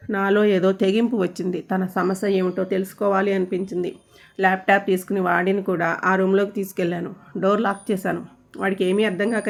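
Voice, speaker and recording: Woman reading a spooky story, steady and suspenseful, mid pitch. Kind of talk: scripted story narration.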